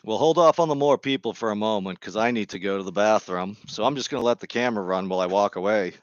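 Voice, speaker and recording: A man chatting casually on a vlog, rambling from topic to topic with deadpan, jokey humor, speaking into a Bluetooth microphone. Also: lowish voice, quick pace, no room sound, dull audio. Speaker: vlogger.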